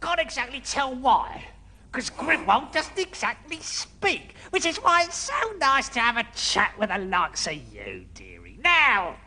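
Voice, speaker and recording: A crackly cackling old crone. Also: female voice, a little high, wildly swooping pitch, unhurried, pushed and bright, exaggerated voice. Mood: wheedling. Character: cackling old woman, dungeon housewife, sly and wheedling. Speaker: character in a TV dungeon game.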